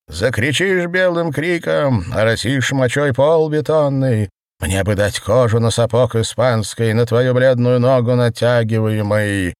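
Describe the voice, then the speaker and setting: A man's voice: medium pitch, no room sound, studio quality, voice pushed up, lightly acted. A man voicing a crude, grandiose man who rants in a frenzied, bellowing way. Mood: raving. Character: ecstatic wild shouting man, crude and grandiose.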